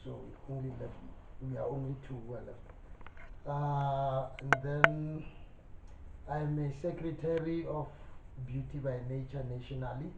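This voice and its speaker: A man being interviewed at home, speaking slowly and hesitantly with many fillers, heard as old camcorder audio. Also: medium pitch, fairly even intonation, vocal fry. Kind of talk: casual interview talk. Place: indoors at his own home. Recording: lo-fi, distant, roomy camcorder sound with faint hiss.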